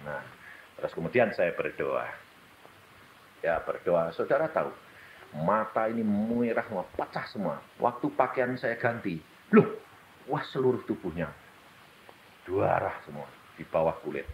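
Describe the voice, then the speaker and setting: A man preaching a sermon, swinging between loud, high exclamations and low murmurs. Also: animated, unhurried, long pauses, dull audio, slight background noise. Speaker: evangelist preacher.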